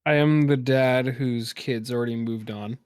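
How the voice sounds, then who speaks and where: A man's voice: mid-range voice, fairly even intonation, a little slow, darkish tone, clean tone, no echo. A young man co-hosting a casual podcast chat, telling work stories with sarcastic humor and frequent laughs. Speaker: podcast co-host.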